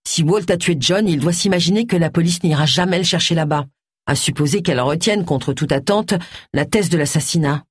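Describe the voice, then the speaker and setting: A woman's voice: low voice, a little fast, husky, no echo, studio quality. A woman voicing an eager, helpful young male detective who talks in a keen, offhand way.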